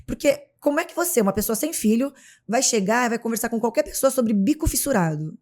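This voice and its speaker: A woman's voice: a little high, quick pace. A Brazilian woman, a mother of three and a guest on an interview show, talking casually and acting out scenes as she tells stories. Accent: Brazilian Portuguese. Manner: animated storyteller, acts out scenes.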